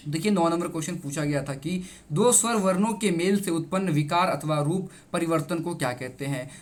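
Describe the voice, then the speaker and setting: A male teacher explaining exam answers. He repeats each answer and keeps addressing his students, in an emphatic, reassuring way. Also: on the high side.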